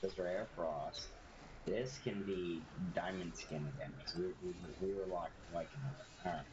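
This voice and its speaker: A man streams a video game, chatting and joking loosely with a friend. His voice sits very low. The mic sounds muffled, with noticeable noise behind. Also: moderate pace. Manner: rambling, joking. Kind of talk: casual gaming chat.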